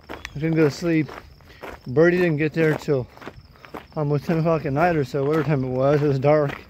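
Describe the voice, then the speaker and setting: With his phone camera at arm's length, a thru-hiker in his forties vlogs casually from a wooded mountain trail, talking easily. His voice is a little high with a darkish tone, and the low-quality recording has slight background noise.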